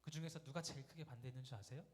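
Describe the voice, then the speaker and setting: A man's voice: medium pitch, rapid-fire. Man preaching a storytelling sermon in a reverberant hall. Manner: conversational, asks the congregation rhetorical questions. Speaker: guest pastor. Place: church sanctuary during a Sunday service.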